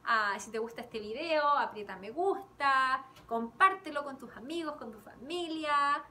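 This Chilean kindergarten teacher has a high, sharp voice and lively intonation as she slowly teaches a bilingual song lesson in a classroom. She sings with a ukulele and alternates Spanish and English. A camera a few feet away records her from a distance, with slight background noise.

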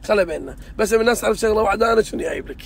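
A man's voice: high-pitched, racing, gravelly, a little hiss or hum. A man, chatting earnestly and insistently with a friend inside a car. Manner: earnest and insistent, swears he means it. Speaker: vlog host. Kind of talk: casual chat.

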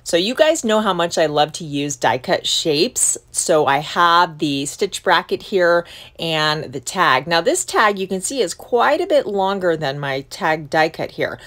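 A woman's voice: fairly low pitch, lively intonation, a little slow, a bit bright. A middle-aged woman hosting a casual crafting tutorial, chatty and upbeat as she explains each step in a voice-over. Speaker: craft channel host.

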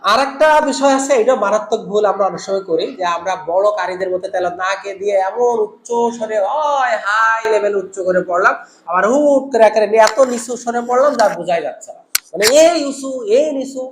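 A man's voice: high voice, fast talker, echoey room, a little hiss or hum. A man teaching Quran recitation in an online lesson, explaining each rule and chanting short examples.

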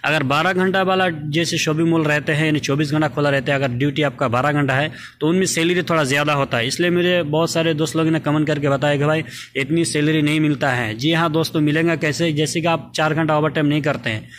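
A man's voice: a little high, fairly even intonation, fast, a bit bright, slight background noise. A man giving a casual walk-through vlog of his supermarket job, talking in a chatty way with frequent fillers, recorded on a handheld phone in the store aisles. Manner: chatty, frequent filler "theek hai" and "doston".

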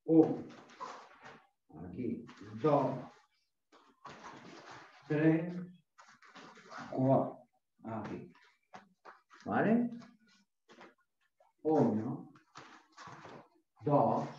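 A man's voice: mid-range voice, lively intonation, very slow, long pauses. Middle aged guy barking karate drills like a gym coach, far from the mic in an echoey room, voice jumps all over. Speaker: karate instructor. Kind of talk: karate class instruction with counting and commands. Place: small home dojo with mats, indoors. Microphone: far camera across the room. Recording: distant echoey dull room recording, faint noise.

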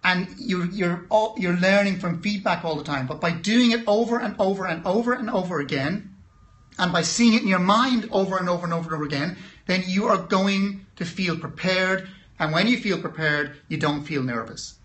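A man's voice: high-pitched, moderate pace, fairly bright tone. A man, a mindset coach, giving an emphatic, encouraging motivational talk on a phone livestream.

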